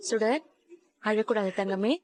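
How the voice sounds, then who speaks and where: A woman playing a gently soothing mother. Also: medium pitch, steady tone, measured pace, lightly acted. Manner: soothing, coaxing. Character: loving mother comforting her crying child. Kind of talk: TV serial acting.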